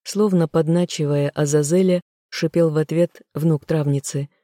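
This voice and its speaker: An audiobook reader narrating a fantasy romance in the first person, with measured, calm delivery. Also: mid-range voice, dry recording, studio quality.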